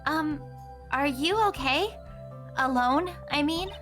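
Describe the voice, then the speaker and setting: A woman's voice: sits high, slow pace. A woman voicing a perky, cheeky and naive teenage girl in a playful video game dub. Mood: curious. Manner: chirpy, eager, playful. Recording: music under the voice.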